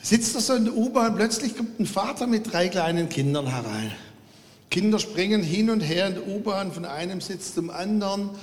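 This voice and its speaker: High-voiced preacher in a reverberant hall. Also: male voice, normal speed. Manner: animated storytelling with acted quotes. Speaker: pastor. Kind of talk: sermon.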